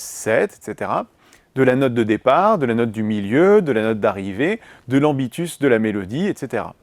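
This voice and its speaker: Male narrator, mid pitch, measured, clear lesson delivery, dry close mic. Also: dry recording. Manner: clear, measured, lists items one by one. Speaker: music history teacher. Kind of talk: scripted educational narration.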